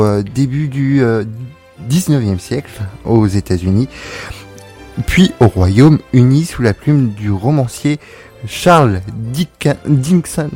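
A man's voice: mid-range voice, mellow. A man co-hosting a radio show, reading from notes with a lot of hesitation and self-corrections. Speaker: radio co-host.

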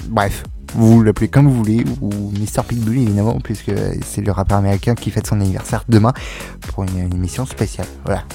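A man's voice: on the low side, warm tone. A young man hosting a casual radio show, reading music news with many fillers and joking asides.

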